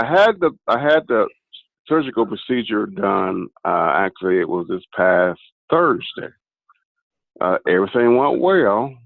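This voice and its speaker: A man caller giving a halting testimony, with many pauses and restarts. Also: low-pitched, creaky, no room sound. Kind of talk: casual spoken testimony. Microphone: phone call into a video meeting. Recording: dry tinny phone line.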